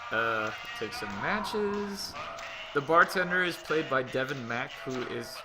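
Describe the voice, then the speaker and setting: A man's voice: medium pitch, animated, slow pace. An American man giving casual, joking, self-mocking commentary as the creator of a game. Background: music and game dialogue.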